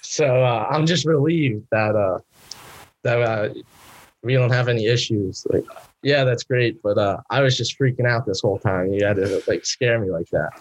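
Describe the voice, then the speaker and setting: College-age male guest, ordinary mid pitch, relaxed and a little sheepish in his telling. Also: normal speed, poor audio. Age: young adult. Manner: casual, filler-heavy, self-deprecating, laughing. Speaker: guest, college baseball player. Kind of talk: casual storytelling in interview.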